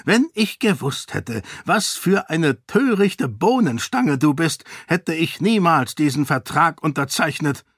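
A man voicing a quick-tempered, greedy middle-aged king who snaps scornfully in a storybook reading. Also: on the high side, expressive, husky, dry recording, studio quality, voice pushed up, full character voice. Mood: angry. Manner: snapping, scornful, loud.

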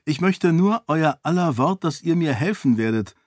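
A man's voice: a little high, expressive, moderate pace, darkish tone, dry recording, studio quality, pitched above the performer's own voice. A man voicing a resolute young noblewoman who talks earnestly and persuasively in an audiobook. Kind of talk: audiobook character voice.

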